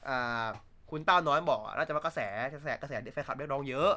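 Guy rambling on his stream, kinda high voice, blunt and cussing a lot. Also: quick pace, pushed and bright. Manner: blunt, crude joking, laughs often. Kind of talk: casual livestream chat.

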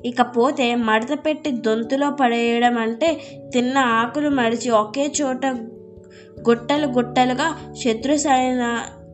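A woman reading the lines of a clever young woman who explains her case to a king in a story. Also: a little high.

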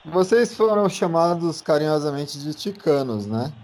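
Guy hosting a podcast, kinda high voice, teasing and jokey. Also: lively intonation, moderate pace, darkish tone, a little hiss or hum. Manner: playful, teasing interviewer. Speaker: podcast host. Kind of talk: casual podcast chat.

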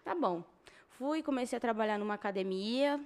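A young woman speaks Brazilian Portuguese in a fairly high voice. She talks as a guest in a casual interview, in informal, slangy phrasing, often voicing reported dialogue as she tells her story. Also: expressive, moderate pace, darkish tone.

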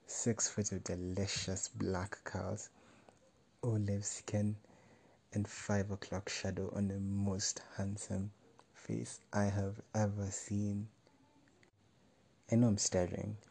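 A man reading a first-person story aloud in a measured, wry way. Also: on the low side, little pitch movement, vocal fry, warm tone, husky. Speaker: narrator.

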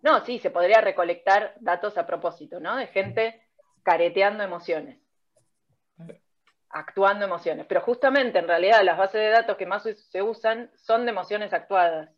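A woman who researches speech technology walks through her work patiently in an interview, offering examples at each step. Her Rioplatense Spanish accent comes through a medium-pitched voice at a moderate pace, over dull, lo-fi sound.

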